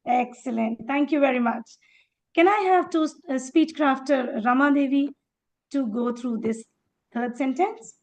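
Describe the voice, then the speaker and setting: A woman's voice: sits high, a little slow, a little mellow. A woman leading an interactive speaking workshop, encouraging participants by name and acting out phrases in different tones to show how they change. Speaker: workshop educator.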